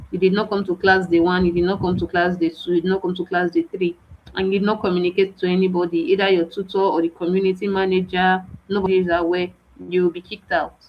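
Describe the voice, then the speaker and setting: A woman giving an onboarding briefing to students, firm and stern, repeating her warnings one after another. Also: on the low side. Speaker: program organizer. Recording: dull lo-fi audio.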